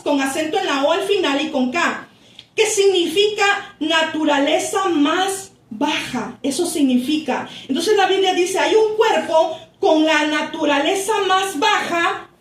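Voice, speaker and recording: A woman pastor with a very high-pitched voice preaches in a church, slowly reading scripture and explaining it to her congregation, whom she calls brothers. Her deliberate reading stretches key words and is broken by asides to the listeners. She's heard from a distance in an echoey church room.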